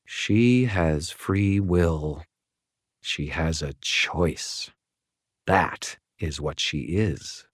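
A stern, ancient female fallen angel, as a male narrator puts her on, speaking in formal, measured sentences full of disdain. She sits clearly higher than a deep male voice would, with a cold, deliberate delivery in a storybook reading. The sound is close and dry, with no room around it. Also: expressive, no room sound, natural voice. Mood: quietly bitter.

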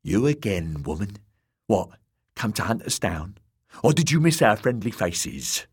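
A man's voice: fairly low pitch, big pitch swings, a little slow, husky, full character voice. A man doing a drawling menacing outlaw. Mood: sneering. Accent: Dornish drawl. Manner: sneering, drawling.

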